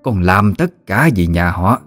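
A man voicing a furious old grandmother who harshly scolds her family in a long, accusing tirade, with lively pitch and faint background music. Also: a little slow, exaggerated voice. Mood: scolding.

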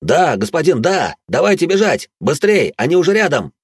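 A man's voice: a little fast, a little mellow, dry recording, clean studio sound, lightly acted. A man voicing a cowardly male lord in an audiobook who pleads and shrieks in panic. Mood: panicked. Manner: shrill, pleading, hysterical.

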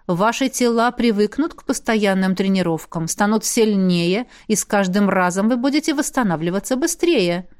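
A woman voicing a stern, dry-witted female demoness who heads a magic academy, speaking slowly and reproachfully. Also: medium pitch, expressive, lightly acted.

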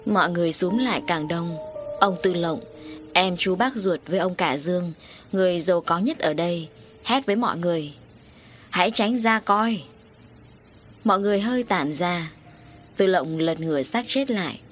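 A woman's voice: lowish voice, lively intonation, brisk. Woman narrating a folk story over music. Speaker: audiobook narrator. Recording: soft music underneath.

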